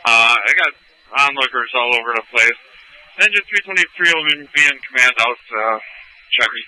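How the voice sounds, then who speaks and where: A man's voice: medium pitch, moderate pace, pushed and bright, no echo, rough recording. A man giving urgent, clipped firefighter status reports over a two-way radio. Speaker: firefighter in the field.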